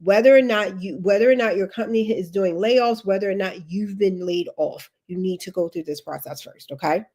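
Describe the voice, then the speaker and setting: She has a mellow, mid-range voice at normal speed. Sniffling from allergies during a livestream, this career coach advises emphatically, saying key instructions again and again and slipping in chatty asides.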